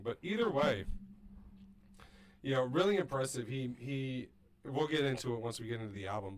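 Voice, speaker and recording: A man co-hosting a podcast, explaining music casually in an enthusiastic, rambling way. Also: mid-range voice. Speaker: podcast co-host.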